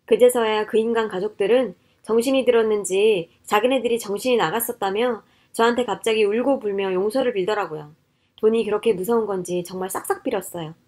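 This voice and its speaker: A woman narrating a first-person story in a steady, matter-of-fact way, as a scripted radio-style reading. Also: fairly high pitch.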